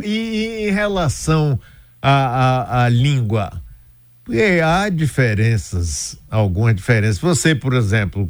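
A man's voice: fairly low pitch, dry recording. A man with a Brazilian Portuguese accent asking casual, somewhat hesitant questions as interviewer.

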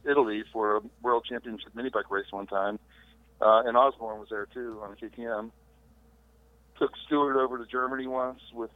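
A man's voice: mid-range voice, no room sound. Middle-aged man on a tinny call. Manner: relaxed, rambling recollection with fillers. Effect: heard over a remote phone call. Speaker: podcast guest. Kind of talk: casual interview storytelling. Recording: tinny dry phone-line audio.

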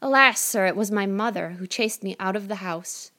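Meek poor girl, gentle and humble; woman reader puts her on. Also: mid-range voice, normal speed. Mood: pleading.

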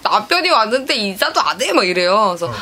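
A woman's voice: mid-range voice, sing-song, fast talker, sharp tone. A woman on a casual podcast telling a story about her husband, laughing often as she talks. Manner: giggly, laughs often while telling stories.

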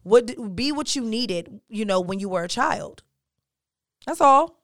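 A woman speaks with animated emphasis in casual conversation. She swears freely, and her voice is recorded close and dry. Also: on the high side, a little slow, dry recording. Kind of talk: casual opinionated chat.

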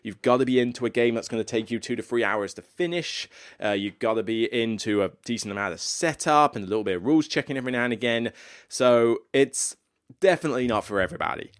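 A man's voice: medium pitch, fast, clear, resonant tone. A man hosting his own show, talking casually and at length, often stopping to correct himself. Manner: rambling, self-correcting, animated. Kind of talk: casual solo talk.

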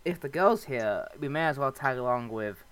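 Excitable male tabletop player. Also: mid-range voice, normal speed, clean tone. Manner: excitable, stumbling restarts. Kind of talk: casual tabletop play.

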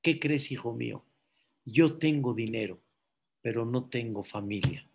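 A man voicing a kind, wealthy older man who speaks softly and fatherly in a spoken sermon story. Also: mid-range voice, measured pace, creaky, slight background noise, voice pushed down. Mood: gentle.

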